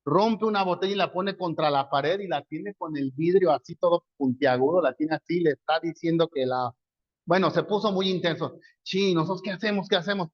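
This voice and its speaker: A man's voice: high voice, no room sound, lo-fi sound. A man with a Mexican accent preaching a sermon, telling a story in a conversational way and asking and answering his own questions. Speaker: pastor.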